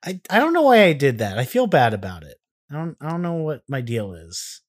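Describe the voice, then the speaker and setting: A man's voice: a little high, very animated, brisk. A man co-hosting a podcast, chatting casually in a rambling, self-interrupting, jokey way. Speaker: podcast co-host. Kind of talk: casual chat.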